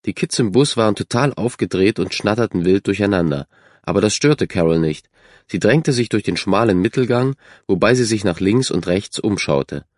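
A man giving scripted narration of a children's story in a measured, even way. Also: on the low side, no room sound, studio quality. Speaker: audiobook narrator.

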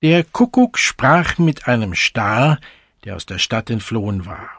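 A man's voice: medium pitch, sing-song, a little slow, a bit bright, husky, no room sound, studio quality. A man reciting fables and short poems in a declamatory, dramatic manner.

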